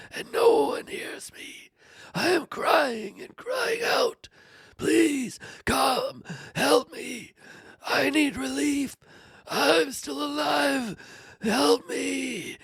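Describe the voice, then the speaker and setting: A woman's voice: high-pitched, vocal fry, slightly rough, no echo, full character voice. A woman voicing the suffering old man Job, tearful and pleading, dramatically reading his lament with whispers and cries. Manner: anguished pleading, dramatic swings.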